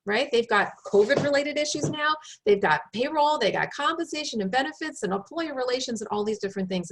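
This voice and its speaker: Woman recruiter coaching job seekers. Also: a little high. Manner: earnest coaching tone with rhetorical "right?" checks. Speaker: recruiter giving job-search advice. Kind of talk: advice talk on a group video call.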